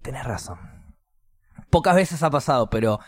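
Young Rioplatense male co-host, lively storyteller who does voices, dry close sound. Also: mid-range voice, moderate pace, no echo. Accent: Rioplatense Spanish. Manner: animated storyteller, acts out voices. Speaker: podcast co-host. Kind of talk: casual chat.

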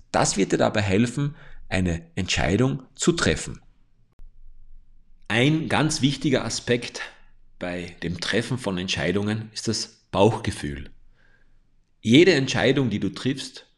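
A man giving a motivational coaching talk, speaking directly to the listener in a calm, explanatory way. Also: medium pitch, husky.

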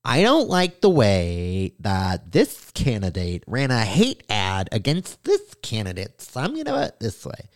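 A man's voice: on the low side, huge pitch swings, measured pace, few pauses, heavily acted. A man mimicking a naive teenage boy voter. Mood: mocking. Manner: mocking impression. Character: naive sixteen-year-old boy voting on a whim.

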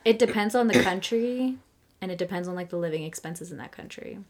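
A young adult woman co-hosts a podcast, her lowish voice a little fast. She chats casually and rambles, full of fillers and laughter.

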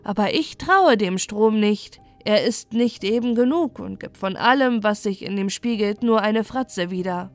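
A woman's voice: medium pitch, unhurried, hardly any pauses, soft background music, natural voice. A woman voicing a vain, good-natured male moon with a pompous manner in a storybook. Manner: pompous, scheming. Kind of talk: storybook reading.

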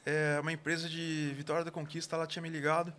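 A high-voiced, bright man with a caipira Brazilian Portuguese accent tells casual, slangy stories. He talks fast and animatedly, acting out bits of dialogue as he goes. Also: flat delivery, a little hiss or hum. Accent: caipira Brazilian Portuguese from interior São Paulo. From interior São Paulo state, Brazil. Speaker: guest, barbecue cook and gastronomy consultant. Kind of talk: casual storytelling.

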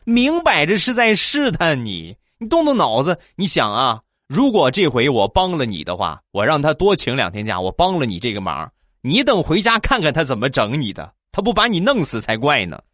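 A man's voice: on the high side, huge pitch swings, normal speed, hardly any pauses, a bit bright, no room sound, clean studio sound, pitched above the performer's own voice. A man voicing a blunt woman friend who scolds and lectures in a comedy routine. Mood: scolding.

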